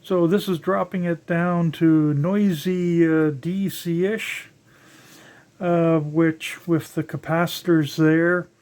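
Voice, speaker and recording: With a mid-range, slightly mellow voice, an older electronics enthusiast gives an off-the-cuff teardown narration indoors at a workbench, halting and thinking aloud while working by hand.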